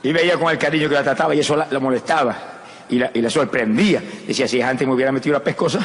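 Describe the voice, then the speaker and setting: A man preaching a fervent sermon and telling his own testimony, breaking into shouted praise. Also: mid-range voice, rapid-fire. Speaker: evangelist preacher. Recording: long hall reverb.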